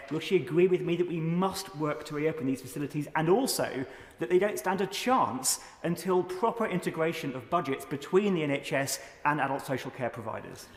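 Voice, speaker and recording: Male mp, fairly high voice, formal debate question, really echoey chamber. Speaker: member of parliament. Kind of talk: parliamentary intervention. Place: large parliamentary chamber. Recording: echoey hall with long reverb.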